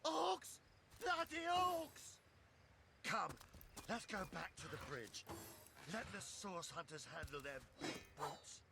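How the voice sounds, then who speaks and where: An actor playing a gruff, hard-drinking soldier in a fantasy game, with coarse, blustering speech. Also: male voice, high voice, very animated, slow, long pauses, background noise, exaggerated voice. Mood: alarmed. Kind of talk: fantasy video game voice acting.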